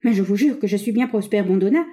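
A woman's voice: medium pitch, quick pace, dark tone, close to an everyday voice. Woman reading a frail old male scientist; pleading, trembling, emotional. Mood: desperate.

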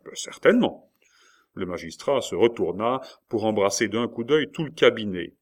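A man narrating a classic novel in a measured, expressive audiobook style. His voice sits fairly low. He paces the storytelling evenly between the acted dialogue. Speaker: audiobook reader.

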